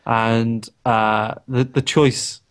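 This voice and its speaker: A man co-hosting a casual gaming podcast, animated and quick to laugh. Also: medium pitch, clear, resonant tone. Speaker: podcast co-host.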